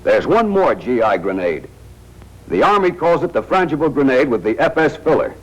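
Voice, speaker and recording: The narrator of this 1940s military training film is an American man whose medium-pitched voice has a sing-song lilt and a moderate pace. He speaks directly to soldiers with wry, tough, slangy delivery, and the old film soundtrack is noisy.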